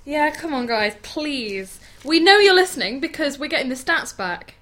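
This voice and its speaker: A woman's voice: high voice, big pitch swings, moderate pace, a bit bright. A British woman co-hosting a casual podcast, teasing and laughing often, her voice slightly strained from laryngitis. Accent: British English. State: recovering from laryngitis. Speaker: podcast co-host. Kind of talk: casual chat.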